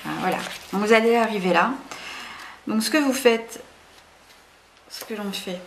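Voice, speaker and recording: A woman's voice: mid-range voice, normal speed. A woman hosting a casual craft tutorial, chatty and hesitant, full of fillers and self-corrections. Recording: roomy echo, faint background noise.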